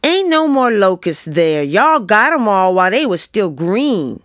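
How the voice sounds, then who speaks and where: A woman voicing a boisterous, scornful young boy who shouts more than he talks, in a storybook reading. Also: medium pitch, sing-song, measured pace, dry recording, clean studio sound, pitched above the performer's own voice.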